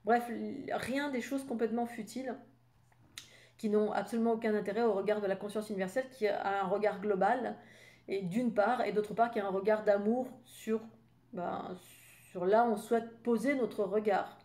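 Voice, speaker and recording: Warm and steady, this mid-range female voice moves at normal speed. She's a French spiritual coach in her fifties, casually talking in a rambling, chatty monologue full of fillers and asides.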